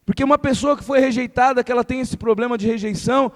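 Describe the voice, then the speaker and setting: A male pastor, preaching a lively sermon that acts out everyday speech and builds to emphatic questions. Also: very high voice, fast talker. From Brazil. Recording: long hall reverb.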